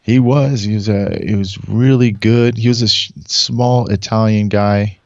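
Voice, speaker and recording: A man's voice: on the low side, fairly even intonation, measured pace, no echo, highs cut off. A man in his forties from Southern California, a podcast guest who rambles through stories, laughs often and acts out what people said. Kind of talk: casual storytelling.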